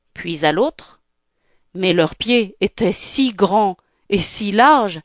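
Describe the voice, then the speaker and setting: A woman reading a fairy tale aloud, calm, clear and unhurried. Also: medium pitch, no echo, clean studio sound. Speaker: storyteller. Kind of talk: storybook read-aloud.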